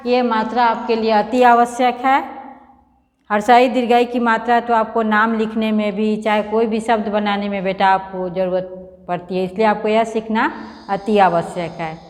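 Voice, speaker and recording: A woman's voice: fairly high pitch, little pitch movement, normal speed, big-room sound. A woman Hindi teacher giving a children's lesson, patiently sounding out words syllable by syllable and coaxing her pupils along. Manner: coaxing, calls pupils "beta".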